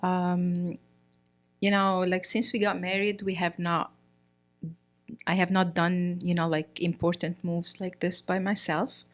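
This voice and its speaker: A priest's wife from Egypt, middle-aged, appears as a guest in a laid-back interview. Her fairly low voice moves at an easy conversational pace, hesitant and full of fillers like "uh" and "you know," with frequent restarts as she searches for words.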